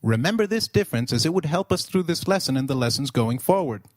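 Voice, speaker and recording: A man narrating a scripted beginner language lesson in an upbeat teaching manner, slowing down to model words. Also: on the high side, expressive, no room sound, clean studio sound.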